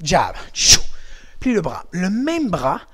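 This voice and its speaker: A man with a Québécois French accent leading a karate workout for kids, coaching with energy and shouting counts and kiai cries. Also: high voice, huge pitch swings, takes it slowly, very noisy. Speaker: karate instructor. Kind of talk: home workout class for kids.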